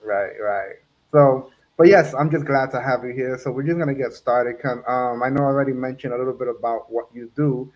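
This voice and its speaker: A man's voice: mid-range voice, a little fast, dull audio. A man from New Jersey hosting an interview, chatty and laughing often, with many fillers. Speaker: podcast host. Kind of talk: casual interview.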